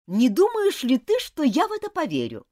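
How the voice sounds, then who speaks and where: A woman voicing a strict, quick-tempered female French schoolteacher in an audiobook, scolding loudly and sharply. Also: high voice, huge pitch swings, no room sound, studio quality, pitched above the performer's own voice. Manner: sharp scolding, loud and cutting. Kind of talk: audiobook character voice.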